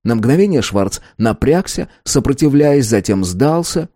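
A man narrating an audiobook in an expressive, lively reading. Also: mid-range voice, measured pace, no echo, studio quality. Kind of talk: scripted narration.

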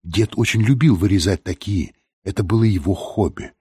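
A man reading a calm young woman's lines in an audiobook, in his own plain voice. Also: lowish voice, normal speed, husky, dry recording, studio quality. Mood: matter-of-fact.

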